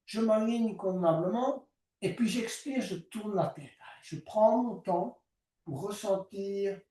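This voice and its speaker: Slow, calm male yoga teacher. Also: high-pitched, reverberant, far from the mic. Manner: slow, calm step-by-step cues with breathing prompts. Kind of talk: guided yoga class instruction.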